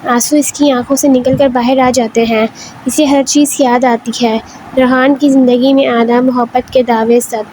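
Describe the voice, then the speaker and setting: A woman reads a novel aloud with steady storytelling. Her voice sits high. A faint hiss hums underneath. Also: poor audio. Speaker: story narrator. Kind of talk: reading an Urdu novel aloud.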